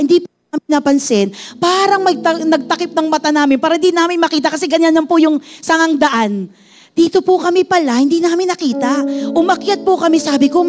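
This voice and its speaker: A woman's voice: high voice, a little mellow. A woman pastor with a Filipino accent, preaching a sermon and telling a personal testimony, mixing Tagalog and English and acting out the voices she quotes.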